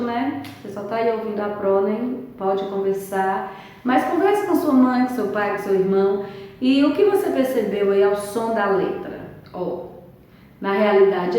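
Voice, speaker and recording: A woman with a Brazilian Portuguese accent, teaching a primary school lesson, slow and emphatic, stretching key words. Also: mid-range voice, darkish tone. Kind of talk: remote lesson walkthrough. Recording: echoey room, voice far from mic.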